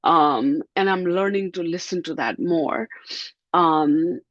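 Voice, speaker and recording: A middle-aged woman from Nepal, a guest giving thoughtful, measured answers in an interview, drawing out words for emphasis. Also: fairly low pitch, dry recording, lo-fi sound.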